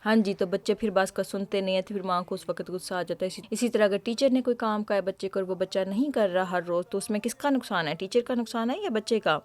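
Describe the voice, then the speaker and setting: A patient woman host explains things gently to a child, speaking at an ordinary pitch. Her manner is teacherly, and she checks in with the child by asking questions. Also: few pauses.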